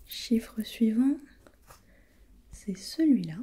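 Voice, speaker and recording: A woman playing a gentle, patient preschool teacher in a soft, breathy whispered role-play, encouraging and repeating softly. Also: a little high, very animated, extremely slow, full character voice.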